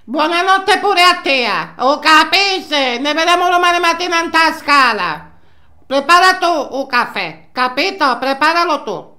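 Comic sketch: nosy older Sicilian housewife played by a man, dialect-laced scolding, bright voice swinging wildly. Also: extremely high pitch, lively intonation, measured pace, full character voice. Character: nosy, indignant older Sicilian housewife, gossiping about neighbours. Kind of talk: comic character monologue. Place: small indoor room, seated facing camera.

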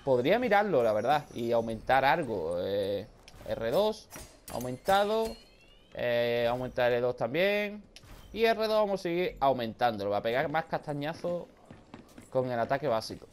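A man with a Spain Spanish accent commentates his game live, loud and excitable. He shouts and swears often, his pitch leaping up and down. A faint hiss sits under the voice. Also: normal speed. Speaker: gaming video creator.

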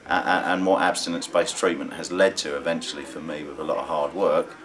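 Guy in recovery talking in a vox pop, really deep voice, earnest. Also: steady tone, fast talker, fairly bright tone. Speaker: person in recovery. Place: indoor studio with dark backdrop.

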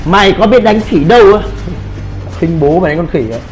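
A man's voice: high-pitched, brisk, soft background music. A man giving brash live commentary on a game he is playing, swearing and trash-talking his teammates. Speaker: gaming streamer.

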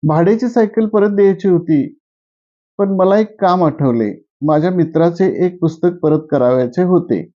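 A man reading a humorous short story aloud in a plain, steady first-person storytelling voice. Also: sits high, normal speed. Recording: dull lo-fi recording.

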